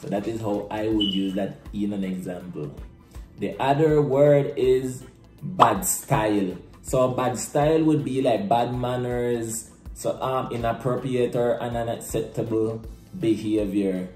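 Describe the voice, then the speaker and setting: A man's voice: lowish voice, steady tone, a little slow, warm tone, faint music behind. A young man with a Nicaraguan Creole accent, explaining things casually and conversationally with everyday examples. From Bluefields, Nicaragua. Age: young adult. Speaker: presenter explaining Creole slang. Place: small plain room indoors. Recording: roomy echo, camera mic.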